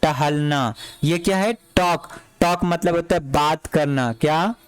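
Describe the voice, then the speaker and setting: High-voiced male teacher drilling words. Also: takes it slowly, smooth, faint music behind, poor audio. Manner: repeats each word and asks the class to answer back. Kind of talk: classroom lesson.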